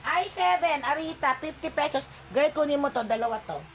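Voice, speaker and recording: A woman's voice: high-pitched, a little fast, a bit bright, a little hiss or hum. A woman hosting an online live-selling stream, chatting with viewers by name and calling out item codes and prices, slipping English words into her talk.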